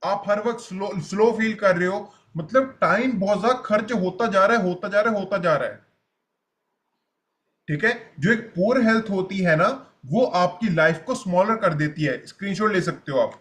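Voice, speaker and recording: Blunt, high-voiced male health coach. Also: normal speed, a bit bright. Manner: blunt, repetitive, addresses listeners directly. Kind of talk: motivational coaching session.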